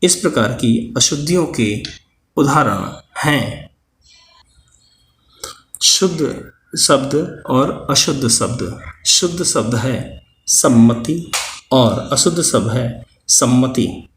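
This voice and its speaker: A man teaching a Hindi spelling lesson, going slowly through pairs of correct and incorrect words. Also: medium pitch, animated. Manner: slow, methodical, lists correct and incorrect words in turn. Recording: echoey room with faint ambient noise.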